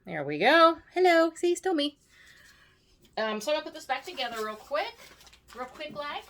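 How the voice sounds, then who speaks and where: A woman's voice: high voice, sing-song, moderate pace, a bit bright. A woman vlogger from the United States giving a casual, rambling luggage review at home, often restarting her sentences. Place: home room. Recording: distant mic, faint noise.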